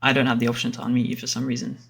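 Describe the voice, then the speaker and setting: A man's voice: mid-range voice, completely flat delivery, racing, gravelly, husky. A man casually moderating an online event as its host, speaking on a video call.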